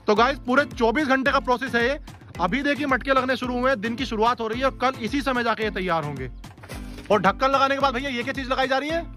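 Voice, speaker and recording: Over faint music, a man with a very high-pitched, bright, pushed voice talks at a quick pace. He's a food vlogger touring an outdoor factory, eagerly narrating to his viewers, calling them "guys", and quizzing the workers as he goes.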